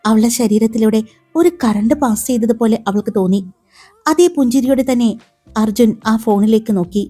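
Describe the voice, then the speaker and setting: A woman storyteller giving scripted narration of a romance story in a gentle, steady way. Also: fairly high pitch, moderate pace. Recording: faint background music.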